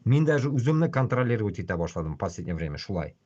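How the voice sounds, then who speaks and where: A man with a husky voice, ranting casually and bluntly on a livestream with constant swearing. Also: fairly low pitch, very animated, quick pace, a little mellow, highs cut off. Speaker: livestream host. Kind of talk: casual rambling livestream rant.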